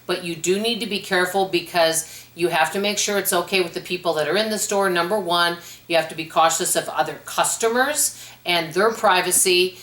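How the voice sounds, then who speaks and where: A chatty woman answering viewer questions at home in a casual vlog, telling stories in a lively way. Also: fairly low pitch. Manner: chatty, animated storyteller. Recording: roomy echo.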